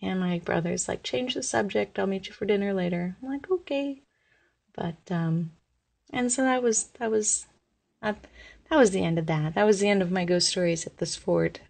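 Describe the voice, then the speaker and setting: A young woman casually telling her own ghost story, rambling and animated, with plenty of fillers. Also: fairly low pitch, gravelly. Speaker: listener sharing a ghost story.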